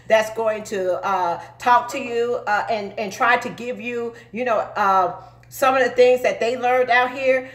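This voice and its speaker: A woman in her forties, a truck driver and recruiter, gives an emphatic motivational talk to viewers, often checking in with "okay?". Her voice is fairly high and bright, with a roomy sound.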